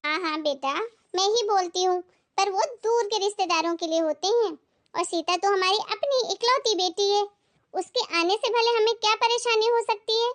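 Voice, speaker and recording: Woman doing soothing old mother figure, very high and bright voice, animated family skit. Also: moderate pace. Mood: kindly. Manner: soothing, calming her angry daughter. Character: gentle older mother-in-law, patient and doting.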